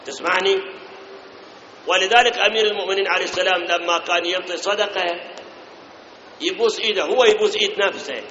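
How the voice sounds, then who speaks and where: A man with an Iraqi Arabic accent delivers a sermon in a high, bright, forceful voice, questioning his congregation and drawing out chanted verses. The sound rings with long hall reverb and is dull and lo-fi, with a faint hiss underneath. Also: fairly even intonation. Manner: asks rhetorical questions and addresses listeners directly; chants scripture verses slowly. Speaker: preacher.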